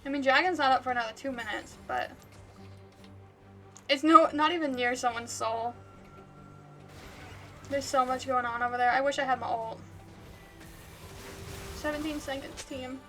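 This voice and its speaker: Bright, high-voiced giggly woman streamer. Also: normal speed, long pauses, faint music behind. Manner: chatty and giggly, laughs often. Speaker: livestreamer. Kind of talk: casual gaming commentary.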